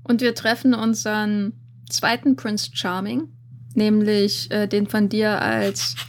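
A woman's voice: medium pitch, flat delivery, slow pace. Woman, podcast co-host, casual film chat, hesitant, fillers. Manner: chatty, hesitant with fillers and restarts.

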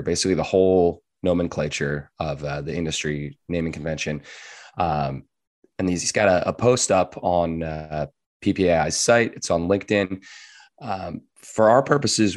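A man with a low-pitched voice hosts a casual podcast. His voice is hoarse and raspy, as if it is giving out. He talks informally and keeps a joking tone. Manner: informal, jokey. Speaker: podcast host.

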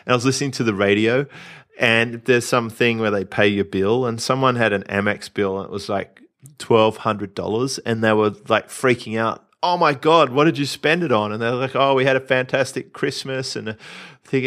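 A man's voice: medium pitch, moderate pace. A man from Australia hosting a casual podcast, talking confidently about business and spending. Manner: confident, animated storytelling with asides. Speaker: podcast host, entrepreneur coach.

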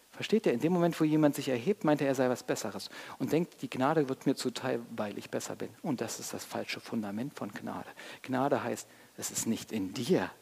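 A man with a medium-pitched, gravelly, husky voice and a darkish tone preaches a sermon as a pastor in a church. He is earnest and addresses his congregation directly with rhetorical questions, and the recording has a long church reverb.

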